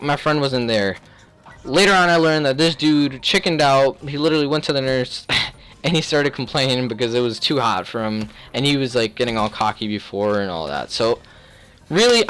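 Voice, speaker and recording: A young man telling a personal story in a casual, rambling, slangy way, often clearing his throat. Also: mid-range voice, a bit bright. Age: young adult. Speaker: video creator.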